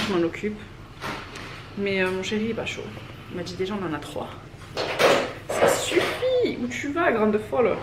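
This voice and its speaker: A woman in her thirties from France, chatting casually and rambling to camera at home while folding laundry. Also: mid-range voice. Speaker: vlogger. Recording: roomy echo, distant mic, background noise.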